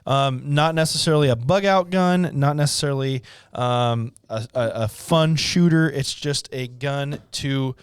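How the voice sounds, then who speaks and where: A man co-hosting a podcast in casual chat, explaining things to listeners in a relaxed, rambling way. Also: medium pitch, a little slow, few pauses, clean tone, dry recording, clean studio sound. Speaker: podcast co-host, gun shop staff.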